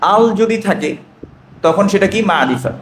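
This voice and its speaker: A man's voice: sits high, lively intonation, unhurried, roomy sound, a little hiss or hum. A man with a Bangladeshi Bengali accent teaching an Arabic grammar class, asking questions and answering them himself.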